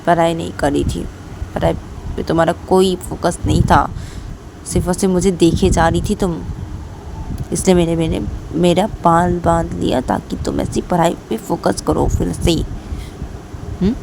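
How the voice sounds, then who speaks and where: A woman's voice: fairly low pitch, steady tone, normal speed, creaky, noisy background. A woman voicing a pleading female college teacher who keeps coaxing her upset lover. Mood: explaining. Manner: coaxing, keeps asking "haan?".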